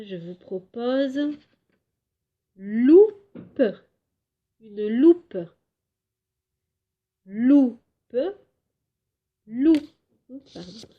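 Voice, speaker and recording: A woman teaching a home lesson to young children, slowly clapping out syllables and drawing out words for them. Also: on the high side, phone-quality sound. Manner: slow, clear syllable-by-syllable teaching; drawn-out, emphatic words for children. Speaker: kindergarten teacher.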